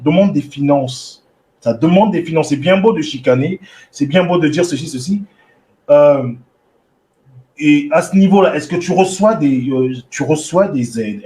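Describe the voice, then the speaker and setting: A man hosting an interview, asking measured, probing questions. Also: on the high side, darkish tone. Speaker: interviewer host. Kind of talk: conversational interview.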